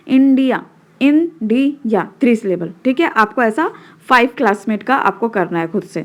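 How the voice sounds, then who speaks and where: Indian woman teacher explaining a lesson. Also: sits high. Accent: Indian English. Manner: mixes Hindi and English, explains slowly with checking asides.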